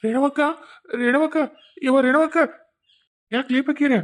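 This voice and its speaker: A woman's voice: high-pitched, moderate pace. A woman voicing a frantic young village man bringing bad news, with a North Karnataka Kannada accent. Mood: urgent. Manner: urgent, tearful pleading.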